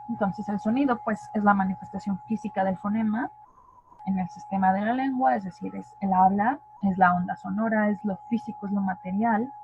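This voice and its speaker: A woman's voice: mid-range voice, slight background noise. A woman with a Mexican Spanish accent giving an online linguistics lesson, explaining step by step and asking her class rhetorical questions. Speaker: linguistics tutor. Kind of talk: online lecture. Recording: dry, phone-like narrow sound.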